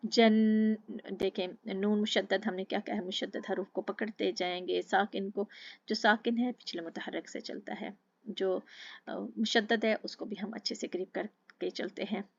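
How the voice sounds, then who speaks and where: A woman teaching tajweed, patiently explaining each letter and then slowly chanting the verse. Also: medium pitch, gravelly, no echo, muffled recording. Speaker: Quran recitation teacher. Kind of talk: slow tajweed lesson with recited examples.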